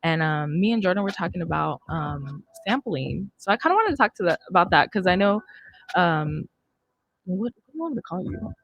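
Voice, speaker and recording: Speaking close into a boom-arm studio mic, a young woman hosts an informal, improvised podcast conversation indoors. Her fairly low, creaky voice swings widely in pitch at a brisk pace, and the recording is dry.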